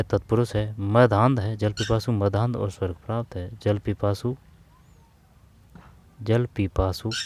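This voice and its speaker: Low-voiced man drilling exam grammar. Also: darkish tone, a little hiss or hum. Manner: repetitive, drawn-out explaining, addresses viewers as bhai. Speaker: teacher. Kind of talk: exam-prep grammar lesson.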